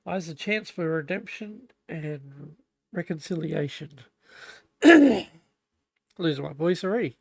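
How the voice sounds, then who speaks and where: Building a Lego set on a live stream, this young man talks in a casual, chatty, self-deprecating way, tripping over the words as he reads the manual aloud. His voice is on the high side and gravelly, slow with frequent pauses, in a dry recording.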